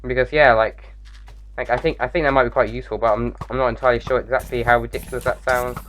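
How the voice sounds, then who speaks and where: A man's voice: mid-range voice, steady tone, fast, fairly bright tone, slight background noise. A man giving casual gameplay commentary, rambling with many fillers and self-mocking jokes, his voice wearing out late at night. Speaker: gaming YouTuber.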